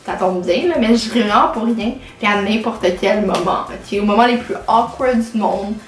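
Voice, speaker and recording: A woman's voice: medium pitch, moderate pace. Chatty Québécois teen girl, echoey room. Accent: Québécois French. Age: late teens. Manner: chatty, many fillers and anglicisms. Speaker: vlogger. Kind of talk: casual chat to camera. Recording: echoey room with faint music.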